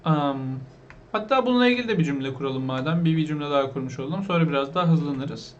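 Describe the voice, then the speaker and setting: A man with a fairly high voice teaches an online English lesson. He explains slowly and patiently, repeats each word and quizzes his viewers as he goes. The recording sounds dull and lo-fi. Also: lively intonation, slight background noise.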